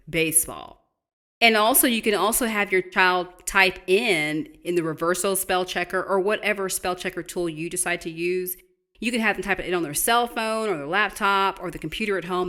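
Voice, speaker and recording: In a fairly low, bright voice with a forceful tone, a middle-aged woman who teaches offers parents spelling tips. She is patient and encouraging, spelling each word letter by letter as she instructs them.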